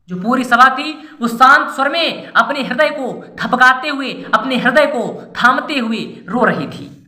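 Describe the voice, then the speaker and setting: A woman teaching a poetry lesson, reciting verses slowly and then explaining each one in plain everyday speech. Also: sits high, sharp tone, reverberant.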